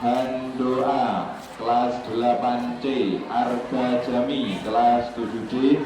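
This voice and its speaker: A man making a formal announcement over a school loudspeaker, reading out students' names in an even, formal tone. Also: medium pitch, takes it slowly. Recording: echoey loudspeaker from far off, noisy.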